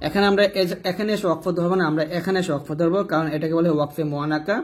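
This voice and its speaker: A man teaching Quran reading in Bengali, spelling letters and vowel marks syllable by syllable and chanting the verses slowly. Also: a little high, fairly even intonation. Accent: Bangladeshi Bengali.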